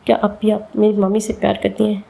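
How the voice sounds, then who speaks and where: A woman's voice: mid-range voice, completely flat delivery, quick pace, gravelly, warm tone, poor audio. A woman doing a hurt, bitter young daughter. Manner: blunt, pressing questions.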